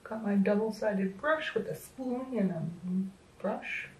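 Speaking slowly with a darkish tone at medium pitch, the thirtysomething makeup vlogger chats through her tutorial, self-deprecating and leaning on fillers. She's slightly losing her voice, so it sounds a little worn. Her small indoor home room lends roomy echo, she's a bit distant from the mic, and a faint hiss or hum runs underneath.

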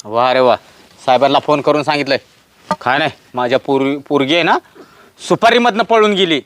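Brief: actor as a put-upon village cop, somewhat high voice, grumbling and rambling. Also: male voice, fairly quick, a bit bright, a little hiss or hum, lightly acted. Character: weary rural policeman grumbling about duty. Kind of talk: village comedy sketch acting.

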